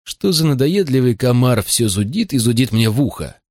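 A man's voice: medium pitch, very animated, normal speed, darkish tone, no echo, clean studio sound, voice pushed up. A man doing a grumbling suspicious deputy. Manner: grumbling, threatening.

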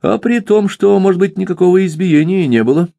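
A man's voice: high voice, a little fast, gravelly, dark tone, no echo, voice pushed up. A man voicing a cynical, bigoted male police investigator who questions with dry, needling remarks.

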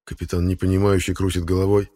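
A man narrates a first-person audiobook in a steady, matter-of-fact way. His voice sits on the low side, even and unhurried, carrying the scene plainly.

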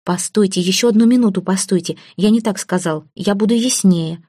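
A woman's voice: mid-range voice, fairly quick, warm tone, breathy edge, no echo, clean studio sound, lightly acted. A woman voicing an earnest, impulsive young nobleman who speaks insistently.

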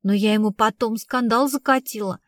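A woman's voice: fairly high pitch, moderate pace, no echo, clean studio sound, close to an everyday voice. A woman reading the part of a blunt, streetwise young woman who tells her story in slangy, casual speech. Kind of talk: audiobook reading.

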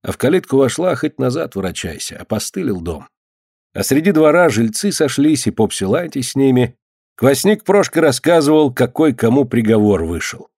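Guy reading a story, mid pitch, dry close mic. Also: big pitch swings, moderate pace, vocal fry, a little mellow, breathy edge, dry recording. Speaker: audiobook narrator. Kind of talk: scripted story narration.

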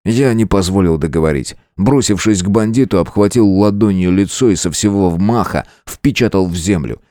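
A man narrating a first-person adventure audiobook in a steady, measured way. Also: deep voice, no echo, clean studio sound.

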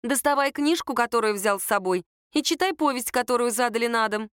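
A woman voicing a cheerful, caring young woman friend who coaxes gently and bosses her younger brother. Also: on the high side, brisk, clear, resonant tone, no echo, studio quality, lightly acted. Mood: bossy. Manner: bright, coaxing, bossy with her brother.

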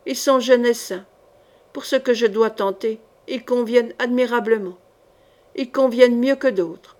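A woman reading an audiobook, voicing a scheming male sorcerer who mutters low and ominously. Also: unhurried, darkish tone, natural voice. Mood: coaxing.

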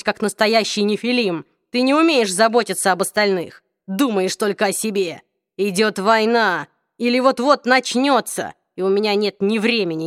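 A harsh young man with a lowered, slow voice speaks in an audiobook drama, as a woman reader acts him. His tone is weary and cold, and the recording is dry and close. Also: no room sound, lightly acted. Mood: furious. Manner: low, slow, weary, sometimes shouting.

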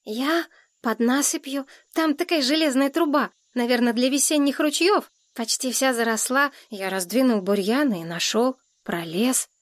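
A woman's voice: high-pitched, unhurried, dry recording, clean studio sound, pitched above the performer's own voice. A woman reading a story, voicing a timid, eager young boy who asks hesitant, anxious questions. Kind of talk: audiobook character voice.

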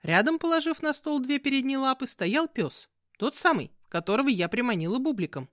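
A woman's voice: high-pitched, brisk, dry recording, clean studio sound. Woman reading a fantasy audiobook. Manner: expressive, animated reading. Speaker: audiobook narrator. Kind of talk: first-person fantasy audiobook narration.

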